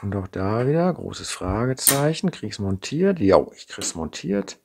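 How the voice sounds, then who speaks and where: A man's voice: fairly low pitch, sing-song, a little slow, creaky, noisy background. A middle-aged man from the Ruhr area with a Ruhr German accent, chatting and thinking aloud as he demonstrates assembling a kit at his workbench, often tagging sentences with a questioning "ne?". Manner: chatty, thinking aloud while working, frequent "ne?" tags. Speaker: model kit maker. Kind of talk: unscripted hands-on build demonstration. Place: indoor workbench. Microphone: camera mic over a tabletop, hands in frame.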